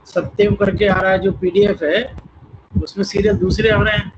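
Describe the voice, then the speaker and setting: एक पुरुष छात्र वीडियो कॉल पर ऑनलाइन कक्षा में रुक-रुक कर झिझकते हुए सवाल पूछता है।. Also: male voice, sits high, flat delivery. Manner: hesitant, halting. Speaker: student. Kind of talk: question in online class. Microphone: video call. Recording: dull lo-fi audio with loud noise.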